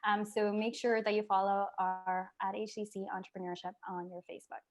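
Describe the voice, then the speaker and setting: A woman's voice: medium pitch, flat delivery, fairly quick, dull audio. A woman hosting an online workshop on a video call, upbeat and chatty, with frequent fillers. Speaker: workshop host.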